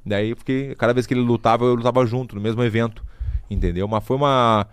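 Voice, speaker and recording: A middle-aged man, a podcast guest telling stories in a casual, lively way. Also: mid-range voice, fast, clear, resonant tone, dry recording. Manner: lively, vivid storyteller who adds sound effects. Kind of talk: casual storytelling. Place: podcast studio.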